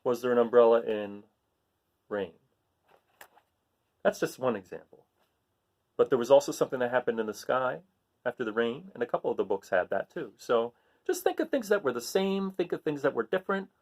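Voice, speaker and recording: A gravelly, mid-range male voice leads an animated picture-book reading for children. He leans hard into the sound words and stops to chat with the young listeners in simple, casual terms.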